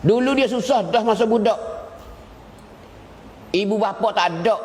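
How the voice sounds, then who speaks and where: A man delivers an Islamic lecture in a fairly high voice. His storytelling swings up and down in pitch and keeps repeating short phrases. The sound rings with a long hall reverb. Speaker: religious teacher.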